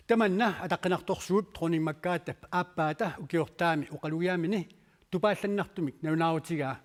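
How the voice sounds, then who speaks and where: A man reading the news as anchor in a steady, formal delivery. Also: fairly high pitch.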